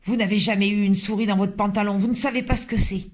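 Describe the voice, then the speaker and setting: Male reader playing a hysterical cook in a storybook, high and loud. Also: fairly even intonation, fast talker. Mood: panicked. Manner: shrieking, frantic yelling. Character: panicking male cook, shrill and frantic.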